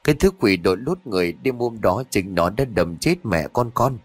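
A man's voice: on the low side, big pitch swings, normal speed, breathy edge, no echo. A man voicing a defiant demon spirit possessing a boy in an audio story, taunting and wailing. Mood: wailing, accusing. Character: defiant young demon spirit, sly then pleading.

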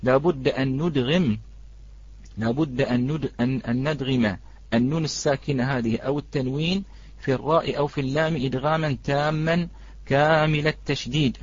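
A man teaching a live online recitation lesson. He greets the students in the chat and draws out each example word slowly. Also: medium pitch, no room sound, dull audio.

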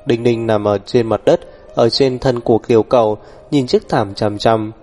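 A man narrating a novel in an even, unhurried storytelling voice. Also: mid-range voice, faint music behind. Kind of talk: audiobook novel reading.

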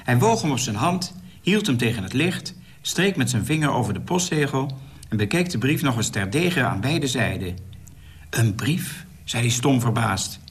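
A man's voice: mid-range voice, very animated, moderate pace, slightly rough. A man in his sixties, an author reading his own short story aloud, voicing the characters. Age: 60s. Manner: storytelling narration with character voices.

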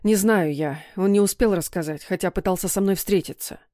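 A woman's voice: on the low side, moderate pace, darkish tone, no room sound, studio quality, lightly acted. A woman voicing a troubled middle-aged father who grumbles and snaps defensively. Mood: grim. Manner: gruff, grumbling.

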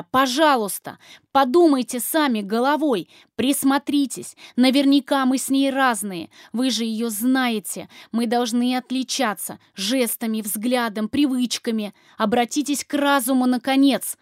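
Casting: a woman as a frightened young heroine, shouting pleas, dry close mic. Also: medium pitch, measured pace, few pauses, no room sound, lightly acted. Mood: desperate. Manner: shouting, pleading.

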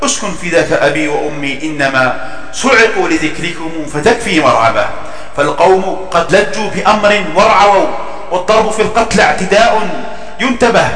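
Echo-drenched man declaiming classical verse, high-pitched. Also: expressive, a bit bright, soft background music. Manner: formal, emphatic, measured declamation. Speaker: poet reciting his own verse. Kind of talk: declamatory classical poetry recitation. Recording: echoey, long reverb, distant from mic.

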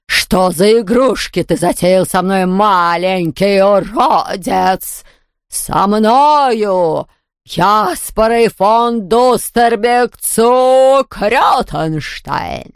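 A woman voicing a huge, cruel female ghost baroness who hisses her words slowly and menacingly. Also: mid-range voice, animated, clear, resonant tone, dry recording, clean studio sound. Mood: outraged. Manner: hissing, slow and drawn out.

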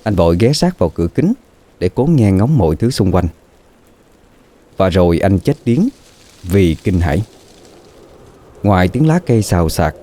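A man narrating a scripted horror story in a slow, dramatic, suspenseful way. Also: low voice, mellow.

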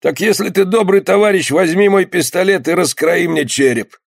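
A man's voice: high voice, normal speed, gravelly, slightly rough, no room sound, clean studio sound, voice pushed up, exaggerated voice. A man reading an audiobook voices a dying wounded ship's skipper who groans weakly and makes grim jokes. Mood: weakly joking. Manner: weak, groaning, grimly joking. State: dying, short of breath.

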